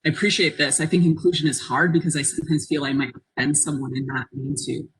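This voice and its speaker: A woman's voice: low voice, fairly even intonation, fast, a little hiss or hum, rough recording. A woman presenting an interactive webinar in an encouraging, reflective manner, inviting people to take part. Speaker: workshop presenter. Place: online conference call.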